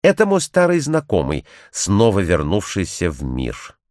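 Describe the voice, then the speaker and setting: A man's voice: sits low, wildly swooping pitch, measured pace, a little mellow, dry recording, clean studio sound, heavily acted. A man voicing a shaken middle-aged woman who speaks tensely with a trembling voice, hiding her agitation.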